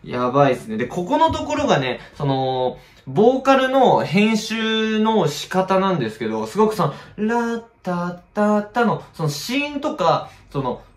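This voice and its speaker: Excitable man gushing over vocals, roomy echo. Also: sits high, measured pace, hardly any pauses. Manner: excitable, gushing, hums and sings short snippets. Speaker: vocal coach reacting to a song. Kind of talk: casual vocal analysis reaction. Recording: roomy echo with song playing faintly.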